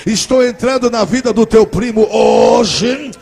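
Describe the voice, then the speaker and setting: Fervent churchwoman prophet played by a man, high, husky, shouting proclamations. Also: measured pace. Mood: fervent prophecy. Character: fervent praying evangelical woman, a cousin.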